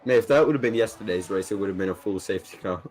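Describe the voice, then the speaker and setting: A man doing casual, jokey sim racing commentary, laughing often and calling incidents with sudden excitement. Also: lowish voice, rapid-fire.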